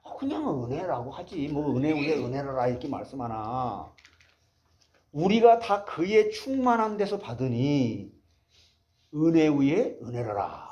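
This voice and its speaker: A male pastor preaches with a high, lively voice that swings up and down as he presses his points. He keeps turning to the congregation with rhetorical questions. The recording sounds dull and lo-fi. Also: measured pace. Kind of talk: sermon.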